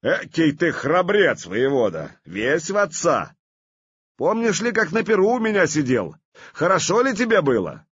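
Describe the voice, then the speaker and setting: A man voicing a proud, commanding warrior prince who shouts across a battlefield in a storybook reading. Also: fairly high pitch, wildly swooping pitch, unhurried, husky, dry recording, lo-fi sound, voice pushed up, heavily acted. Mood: booming commanding.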